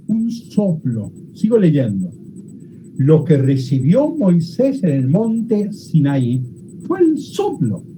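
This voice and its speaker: A Bible teacher gives a classroom lecture. The teacher explains step by step and often checks understanding with quick questions. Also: mid-range voice, background noise.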